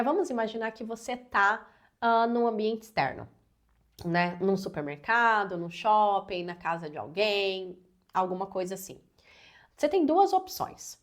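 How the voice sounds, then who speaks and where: A woman in her thirties talking earnestly and personally as a parenting educator, with many casual fillers. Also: mid-range voice. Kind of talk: advice talk to camera.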